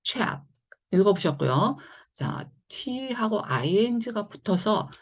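Gravelly-voiced woman teaching phonics. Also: mid-range voice, sing-song, unhurried, a little mellow. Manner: patient, repetitive explaining with frequent "자" and "네". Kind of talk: online phonics lesson.

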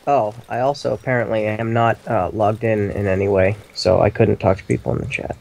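A man co-hosting a game stream as commentator, goofy and jokey with deadpan asides. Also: on the low side, a little fast, creaky, a little hiss or hum. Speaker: co-host commentator. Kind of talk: casual let's-play chat.

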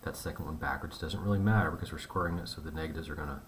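Low-voiced guy walking through a math problem, laid back, bit of faint room noise. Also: racing. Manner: relaxed, conversational explaining with fillers. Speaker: math teacher. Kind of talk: whiteboard math lesson.

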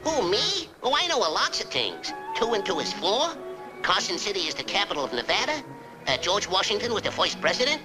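A man's voice: sits high, huge pitch swings, fairly quick, loud music behind the voice, poor audio. A man voicing a cocky, breezy, wisecracking cartoon rabbit. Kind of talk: classic cartoon voice acting.

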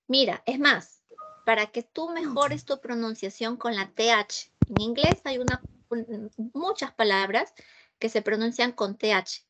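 A woman's voice: a little high, a bit bright. Patient Peruvian woman teaching English. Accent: Peruvian Spanish. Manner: patient, repeats and checks understanding with frequent "ok?". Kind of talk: online class, mixing Spanish and English. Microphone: video call.

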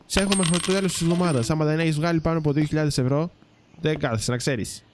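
Chatty gamer man, higher voice. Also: fairly even intonation, darkish tone, a little hiss or hum. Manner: chatty, teasing game characters. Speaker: gaming YouTuber. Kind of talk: casual let's-play commentary.

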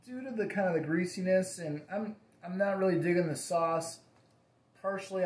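Man, 40s, casual home pizza review host, relaxed chatty manner, ums and likes, roomy echoey home recording. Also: on the high side. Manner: easygoing, talks to his son, many ums and likes. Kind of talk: casual food review chat. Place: home dining table, indoors.

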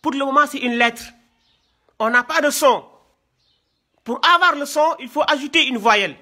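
A man from Senegal, teaching a classroom lesson, talking slowly and repeating himself, often checking with "hein?". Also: extremely high pitch, sharp tone. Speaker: Quran teacher.

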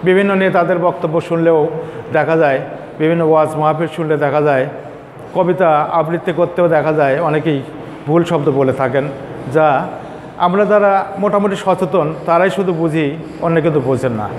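Guy teaching a class, higher voice, repeats words slowly, long echo and faint room hum. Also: a little mellow. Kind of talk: classroom lecture on pronunciation. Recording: echoey room with faint ambience.

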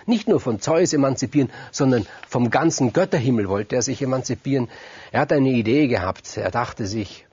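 Retelling Greek myths off the cuff, a male storyteller keeps it conversational, leans on repetition for emphasis, and speaks straight to those listening. He has a medium-pitched, darkish, slightly rough voice and delivers it in an animated, brisk way. The recording sounds muffled.

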